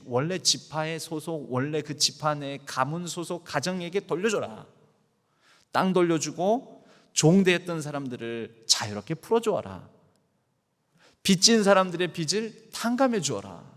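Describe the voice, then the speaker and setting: A male senior pastor with a Jeolla accent preaches a Sunday sermon and speaks straight to his congregation. His voice sits a little high and swings widely in pitch as he presses each point. A long church reverb carries after him. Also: unhurried. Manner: animated, emphatic preaching that addresses the congregation directly. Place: church sanctuary.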